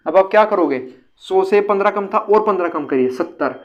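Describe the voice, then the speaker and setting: A man's voice: sits high, expressive, fairly quick, highs cut off. A man teaching a step-by-step math lesson, often repeating himself and calling his viewers friends.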